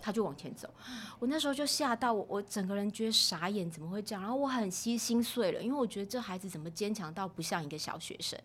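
A middle-aged woman, telling stories as a podcast guest in an expressive way, acting out what people said. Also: fast talker, few pauses, husky. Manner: expressive, acts out quoted speech with rising pitch. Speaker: podcast guest, mother of two sons. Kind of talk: casual storytelling chat.

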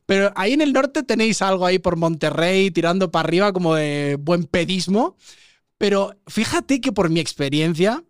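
A man's voice: high-pitched, lively intonation, moderate pace, smooth, dry recording, clean studio sound. A man, hosting a casual podcast interview and asking curious, open questions. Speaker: podcast host.

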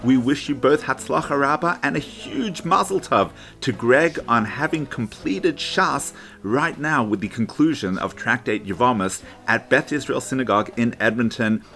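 A man's voice: mid-range voice, moderate pace, a bit bright, soft background music. A man who is a rabbi, teaching a daily Talmud lesson in an explaining, storytelling manner.

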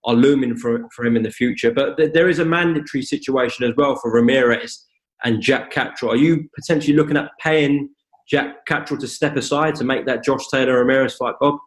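A man of medium pitch puts conversational questions as a sports interviewer. The video-call sound is noticeably roomy. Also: fairly quick. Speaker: boxing interviewer, host.

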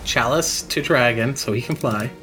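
A man's voice: mid-range voice, moderate pace, music in the background. A man casually narrating his character's moves as a player in a tabletop role-playing game.

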